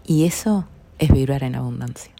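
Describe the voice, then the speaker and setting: A woman's voice: rumbling low, normal speed, vocal fry, warm tone, slightly rough. A middle-aged woman with a Rioplatense Spanish accent, hosting a podcast in an earnest, reflective tone that often sinks to a near whisper. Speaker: podcast host. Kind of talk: reflective personal talk.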